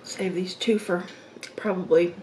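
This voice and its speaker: Slow-talking woman eating on a roomy recording. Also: on the low side, fairly even intonation, a little mellow, distant mic. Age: 50s. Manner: eating while talking, with mm sounds and pauses; musing, thinking aloud. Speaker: mukbang host. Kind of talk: casual mukbang chat to viewers. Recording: roomy echo, background noise.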